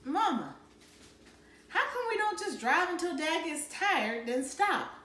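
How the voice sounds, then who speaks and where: A woman's voice: very high voice, very animated, slow, fairly bright tone, distant mic, pitched above the performer's own voice, full character voice. A woman voicing a curious young boy asking his mother questions. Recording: roomy echo.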